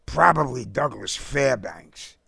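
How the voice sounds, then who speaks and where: A man voicing an excitable, blunt baseball fan who explains the game impatiently, in a storybook reading. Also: mid-range voice, takes it slowly, gravelly, husky, no echo, full character voice. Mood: explaining, impatient. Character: brash, excitable baseball-loving American man.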